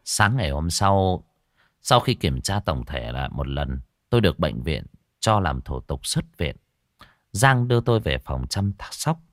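A man with a low voice narrates a horror story dramatically. His pitch rises and falls widely as he tells it. The recording is close and dry. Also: unhurried, no echo. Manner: dramatic, expressive.

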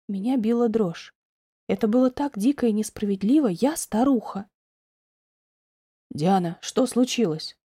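A woman narrating an audiobook in the first person, reading in an expressive, emotional way. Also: medium pitch, no echo, studio quality.

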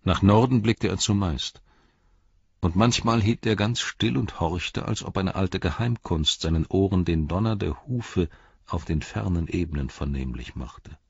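A man reads a fantasy audiobook in steady, measured narration. His voice is very deep and husky. The recording is dry and a little dull. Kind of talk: scripted narration.

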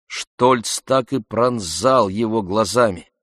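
A man slowly reading a classic novel aloud as narrator, in a measured, even way. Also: lowish voice, no room sound, clean studio sound. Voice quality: slow, measured delivery. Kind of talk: audiobook reading.

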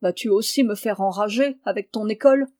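A woman's voice: mid-range voice, a little fast, darkish tone, natural voice. A woman reading the part of a stern, harsh peasant father who scolds and mocks his sons. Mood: scolding. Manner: gruff, scolding, mocking.

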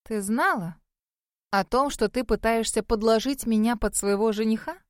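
A woman's voice: normal speed, dry recording, studio quality, natural voice. A woman voicing a furious, spoiled young female student who snaps with contempt. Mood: angry, scornful. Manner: shrill, snapping, contemptuous.

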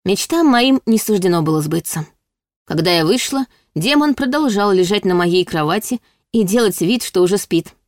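A woman narrating a first-person audiobook with an expressive reading. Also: medium pitch, normal speed, no echo, studio quality. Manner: expressive reading, voicing indignant quotes.

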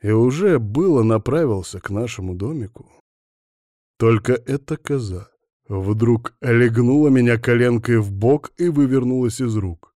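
A man narrating an audiobook in the first person, gruff and teasing in tone. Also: mid-range voice, a little slow, mellow, no room sound, clean studio sound.

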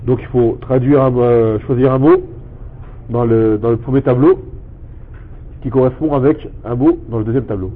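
Guy teaching a lesson slow n patient, mid voice, thin phone sound. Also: mid-range voice, steady tone. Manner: patient, step-by-step, repeats words slowly. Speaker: Arabic teacher. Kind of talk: explaining a language lesson. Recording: tinny phone-like sound with faint noise.

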